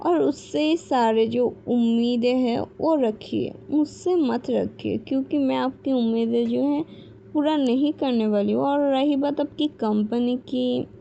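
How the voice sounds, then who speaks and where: A woman's voice: vocal fry, mellow, exaggerated voice. A woman voicing a cold, defiant young daughter who talks bluntly and dismissively. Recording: dull low-fidelity mic with faint background noise.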